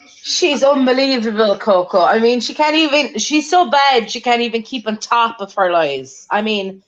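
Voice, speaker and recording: A woman co-hosting a casual commentary chat, emphatic and quick to swear. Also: a little high, lively intonation. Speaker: co-host guest. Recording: dull lo-fi audio.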